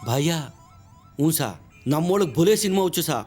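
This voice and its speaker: An actor playing a naive rustic monkey catcher, rambling earnestly and tacking "saa" onto every phrase. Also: male voice, on the high side, lively intonation, moderate pace, lightly acted. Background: loud film music.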